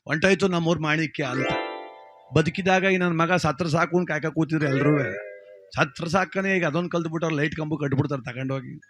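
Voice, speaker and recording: A man's voice: on the high side, brisk, soft background music. Comic male storyteller. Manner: lively, animated, village-style banter.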